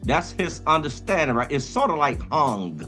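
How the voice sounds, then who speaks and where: A man's voice: a little high, big pitch swings, moderate pace, pushed and bright, soft background music. A man leading a Bible study discussion, explaining verses emphatically and repeating his points, then telling the others to read on.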